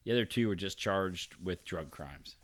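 A man's voice: sits low, lively intonation, normal speed. A man co-hosting a podcast, reading odd news stories aloud and joking with loose, profane asides. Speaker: podcast co-host.

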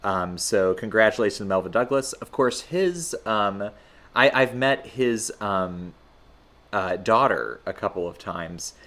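A man's voice: on the low side, animated, unhurried, a bit bright. A man hosting a podcast, chatting casually about film history in a hesitant, rambling way full of fillers. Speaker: podcast host.

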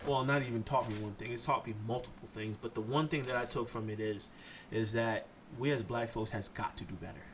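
Speaking a little fast in a steady, mid-range voice, a Haitian solo podcast host lectures his audience with blunt passion and plenty of swearing. Some hiss or hum is audible.

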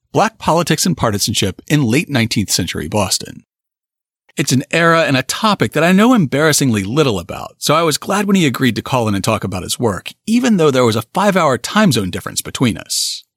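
A man hosting a history podcast, reading announcements and then interviewing a guest in a measured way. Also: mid-range voice, a bit bright, slightly rough, no room sound, studio quality. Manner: measured, reads announcements then asks questions. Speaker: podcast host. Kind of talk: scripted podcast intro and interview.

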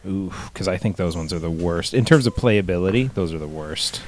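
A man with a low voice chats casually on a podcast. He teases his co-host and answers in an easygoing, offhand way. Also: animated. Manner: laid-back, teasing, quick to chime in. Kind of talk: casual chat.

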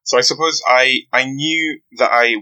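Earnest young man, flat delivery. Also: medium pitch, poor audio. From West London, UK. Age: 20s. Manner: earnest, measured storytelling with frequent "you know". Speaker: guest, aspiring barrister. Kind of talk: podcast interview.

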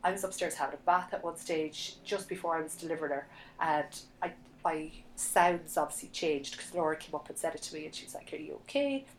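An Irish woman tells a personal story in a casual, animated chat. Her voice sits a little low, and a faint hiss of noise runs under the recording. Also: low-quality recording. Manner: animated storyteller, chatty and quick. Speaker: podcast guest sharing a birth story.

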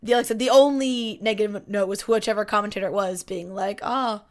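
A woman's voice: medium pitch, fairly even intonation, fast. A woman co-hosting a podcast, chatting casually and animatedly about a wrestling match, full of fillers and asides. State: yawning and hiccuping. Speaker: podcast co-host.

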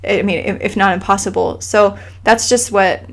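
Her voice sits in the mid range, slightly bright, with fairly even intonation and a moderate pace. As an interview guest sharing how her family immigrated, she sounds earnest and impassioned, chatting casually with many restarts.

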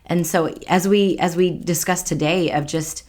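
A woman's voice: on the low side, steady tone, normal speed, darkish tone. A woman talking reflectively and earnestly in a conversational podcast discussion. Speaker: podcast speaker, author.

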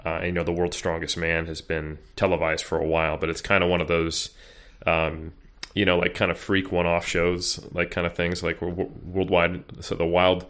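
A man's voice: sits low, monotone, normal speed, fairly bright tone. A man in his thirties, a podcast guest, talking casually and rambling with many fillers and restarts. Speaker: podcast guest, bodybuilding coach. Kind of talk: casual interview chat.

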